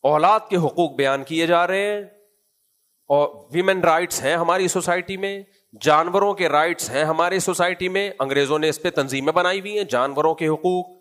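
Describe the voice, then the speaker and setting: Speaking with a Pakistani Urdu accent, a man whose voice is a little high and fairly bright gives a lecture of Quran commentary. The preacher answers his own rhetorical questions and acts out casual scoldings in side remarks.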